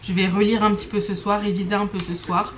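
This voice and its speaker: A woman's voice: medium pitch, little pitch movement, fast, reverberant. A young woman, a student chatting casually in a home vlog with many fillers. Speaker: student vlogger. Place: home, indoors.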